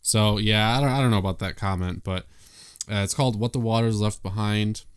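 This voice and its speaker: A man's voice: lowish voice, steady tone, a little fast, clear, resonant tone. A man co-hosting a horror film podcast in a casual, laid-back way, laughing often and swearing offhandedly. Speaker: podcast co-host.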